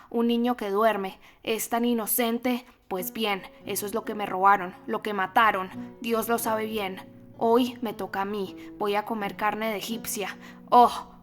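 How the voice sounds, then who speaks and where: A woman's voice: mid-range voice, lightly acted. Woman doing a raving old recluse woman. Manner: mocking singsong, raving. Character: deranged old female recluse, bitter, grieving.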